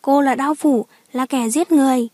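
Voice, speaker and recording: A woman's voice: high voice, steady tone, normal speed, no room sound, lightly acted. A woman voicing a furious cursing man in his thirties. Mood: enraged. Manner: shouting, cursing.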